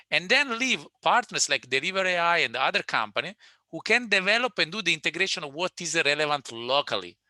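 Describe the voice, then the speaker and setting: A man with an Italian accent presenting a business webinar and taking questions, speaking in a halting way with frequent restarts and fillers. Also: fairly high pitch, pushed and bright, dry recording.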